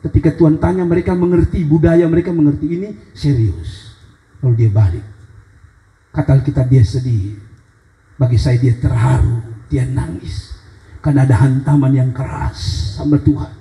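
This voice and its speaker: A male pastor with a Kupang accent, preaching an animated sermon and acting out scripture scenes. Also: medium pitch, normal speed, roomy sound, low-quality recording. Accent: Kupang Indonesian. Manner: animated preaching that dramatizes scripture in acted-out voices. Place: church sanctuary.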